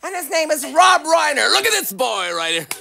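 A man's voice: sing-song, normal speed, vocal fry, pushed and bright, shouting, full character voice. An actor playing a pompous, clueless male celebrity interviewer who gushes, rambles and makes catty asides. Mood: gushing. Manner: gushing, rambling, swooping pitch, catty asides. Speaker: talk show host. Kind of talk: improvised comedy interview.

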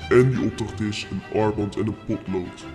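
A man's voice: lowish voice, fairly even intonation, moderate pace. A man voicing a smug, teasing mystery prankster through a voice-distortion effect, with faint music in the background. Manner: smug, teasing, laughs at his own prank. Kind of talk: comedy sketch.

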